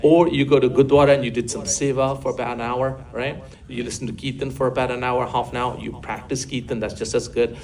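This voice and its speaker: Quick-talking older male religious teacher. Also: mid-range voice. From England. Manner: lively, coaxing, asks the class questions. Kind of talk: classroom religious talk.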